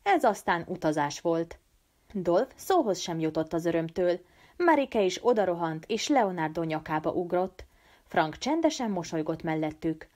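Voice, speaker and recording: A woman reading a novel aloud as an audiobook, with an animated, expressive delivery. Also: lowish voice. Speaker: audiobook reader. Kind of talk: storybook narration.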